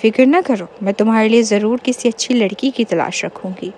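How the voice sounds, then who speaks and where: A woman voicing a sharp-tongued young wife who scolds her husband and reassures a friend. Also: on the high side, a little hiss or hum, close to an everyday voice. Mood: reassuring.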